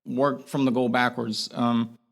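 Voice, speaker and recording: A young man with a Boston accent, a guest on a casual podcast. He speaks candidly in a mid-pitched voice, stopping and restarting his sentences as he thinks. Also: level tone, vocal fry. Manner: candid, halting, many restarts.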